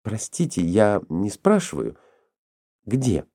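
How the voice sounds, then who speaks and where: A man reading a storybook, voicing an eager, stubborn young woman prospector in a lifted, excited voice. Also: fairly low pitch, takes it slowly, husky, no room sound, studio quality, full character voice. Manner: excited, insistent.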